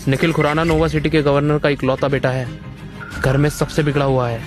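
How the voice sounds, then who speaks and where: A man's voice: on the high side, level tone, a little fast, natural voice. Man playing a cautious father, music behind. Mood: serious, cautioning. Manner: earnest, cautionary. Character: cautious, worried middle-aged father. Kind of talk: dubbed fantasy drama acting.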